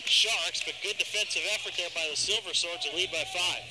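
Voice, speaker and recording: Excited male basketball play-by-play caller. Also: high voice. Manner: rapid, excited calls of each play. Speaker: play-by-play commentator. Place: basketball arena. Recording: loud arena crowd noise behind.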